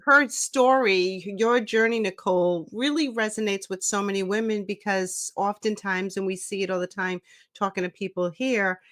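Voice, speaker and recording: A woman's voice: medium pitch, normal speed, fairly bright tone. A woman in her fifties co-hosting a podcast, affirming and enthusiastic in casual chat. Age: 50s. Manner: affirming, enthusiastic, lots of agreement. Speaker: podcast co-host.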